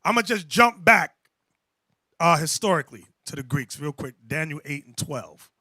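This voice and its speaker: A man's voice: a little high, animated, normal speed, pushed and bright, no echo. A man leading a Bible lesson as a bishop, calling out verses and explaining each one in a commanding way. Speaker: bishop teaching a class.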